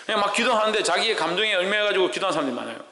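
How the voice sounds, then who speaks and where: A man's voice: high-pitched, animated, racing, pushed and bright. A male pastor preaching a sermon, asking the congregation rhetorical questions and answering them himself. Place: church sanctuary. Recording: echoey church hall with long reverb.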